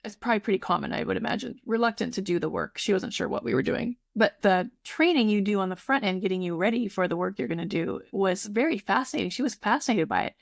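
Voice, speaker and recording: A woman's voice: mid-range voice, lively intonation, quick pace, vocal fry, hardly any pauses, no echo, studio quality. A woman in her fifties who runs a tutoring program, talking effusively in a casual podcast conversation. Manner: warm, effusive, restarts sentences.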